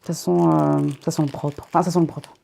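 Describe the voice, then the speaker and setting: Chatty young woman with a gravelly voice. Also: low voice, level tone, fairly quick, warm tone. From northern France near the Belgian border. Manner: chatty, self-interrupting, jokey asides. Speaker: vlogger reviewing a subscription box. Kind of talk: casual unboxing chat.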